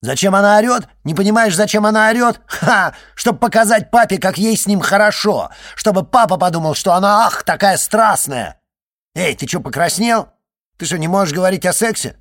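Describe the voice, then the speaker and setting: A man voicing a loud, crude, spiteful schoolgirl who is stuck on a sofa and shouts and mocks in fast rants. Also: high voice, lively intonation, gravelly, no room sound, clean studio sound, pitched above the performer's own voice, heavily acted. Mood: sneering.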